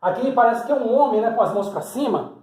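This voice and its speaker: High-voiced preacher, echoey room. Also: male voice, expressive, quick pace, darkish tone. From Salvador, Bahia, Brazil. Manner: explains step by step, points at drawings, rhetorical questions. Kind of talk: teaching sermon with a board.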